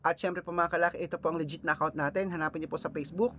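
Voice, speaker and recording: A man from the Philippines hosting a casual vlog, chatting with viewers and reading out lucky numbers in a lively way. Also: fairly high pitch, racing, slight background noise. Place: early morning, on his way out, with cars passing.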